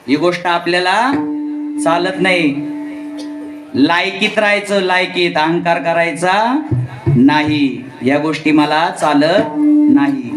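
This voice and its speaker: Male kirtan preacher, high voice, story-sermon that jumps into character voices, echoey hall with faint music. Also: a bit bright. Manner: acts out characters' voices while telling stories.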